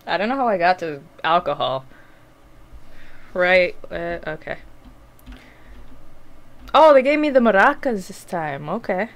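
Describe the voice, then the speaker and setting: Speaking a little slowly and pausing often, this gaming streamer has a lowish, expressive voice. She's a young woman giving casual let's play commentary from a small room at home over a headset mic. She chats, gets distracted easily, and occasionally laughs or swears.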